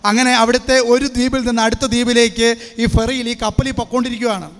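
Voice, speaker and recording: A man with a very high voice preaching a fervent sermon and telling a story in between. He shouts praise and acts out the voices in his story. The sound has a long reverb from a large hall. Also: level tone, fast talker. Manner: impassioned, shouts hallelujah, acts out dialogue in the story. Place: large retreat centre hall.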